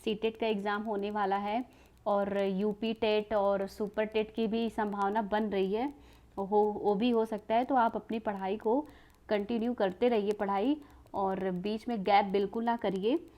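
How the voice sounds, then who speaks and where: A woman's voice: medium pitch, flat delivery, unhurried, dull audio. A woman teacher explaining exam questions to students, repeating each question and answer and asking rhetorical questions, words into her speech.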